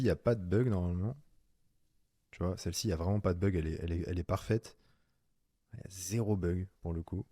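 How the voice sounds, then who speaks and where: A man's voice: low voice, darkish tone, no room sound, clean studio sound. A man giving a casual screen-recorded tutorial in French, chatty and slangy, talking straight to the viewer as "tu". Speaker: online course instructor.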